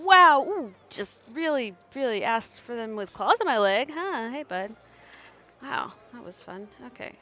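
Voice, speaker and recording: A woman's voice: on the high side, a bit bright. A woman chatting casually and playfully while she streams a game at home. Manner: playful, chatty, quick to laugh. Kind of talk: casual let's-play commentary. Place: home, with her cat. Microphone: desk microphone.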